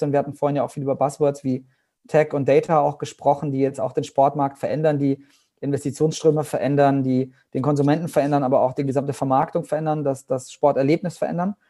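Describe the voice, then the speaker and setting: A middle-aged man holds forth in an interview, his voice mellow and dark. His pitch stays fairly even, and he circles his points with restarts and fillers as he thinks aloud. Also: brisk. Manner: reflective, many restarts and fillers. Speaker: guest, sports marketing agency head. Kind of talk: interview answer.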